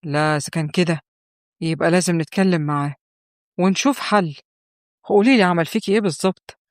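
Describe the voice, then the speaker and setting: A woman's voice: lowish voice, fast talker, no room sound, studio quality, close to an everyday voice. A woman voicing a blustering, jovial middle-aged father who scolds and exclaims, in an Egyptian accent. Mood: scolding. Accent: Egyptian Arabic.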